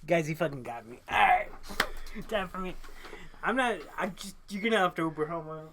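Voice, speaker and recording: A man's voice: sits high, lively intonation, moderate pace, noisy background. A man in his thirties co-hosting a podcast, chatting casually, joking, swearing and laughing often. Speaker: podcast co-host. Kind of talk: casual chat.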